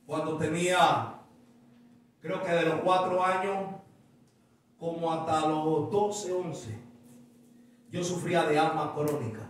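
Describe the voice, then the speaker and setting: Male pastor with a high voice, preaching animatedly from far off in a roomy church sanctuary. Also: takes it slowly, pauses often, slight background noise. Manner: animated storytelling with a stammer imitation and laughter. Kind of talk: sermon. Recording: echoey church hall from far off.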